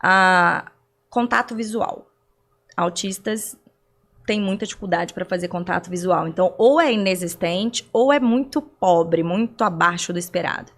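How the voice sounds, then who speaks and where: A woman's voice: on the low side, moderate pace, fairly bright tone. A young adult woman from Brazil, a guest on a podcast interview, explaining things at length with rhetorical questions and everyday examples.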